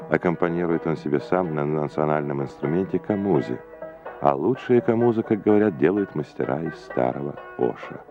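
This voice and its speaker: Deep deep male voice doing old newsreel narration, dull lo-fi sound, music underneath. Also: animated. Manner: measured, formal announcer delivery. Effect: old Soviet newsreel sound. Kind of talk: scripted documentary narration.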